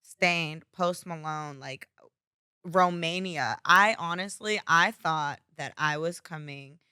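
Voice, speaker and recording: A woman's voice: low-pitched, takes it slowly, pushed and bright, clear, resonant tone, no room sound, studio quality. A woman hosting a podcast, asking questions in casual chat with a teasing, playful manner. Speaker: podcast host.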